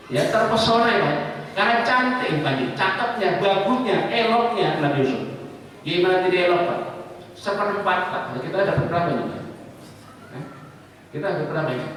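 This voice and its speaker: Echoey high-voiced preacher in a mosque. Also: male voice, a bit bright, slight background noise. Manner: storytelling, often addresses listeners as "Pak". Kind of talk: mosque sermon. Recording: echoey hall, distant mic.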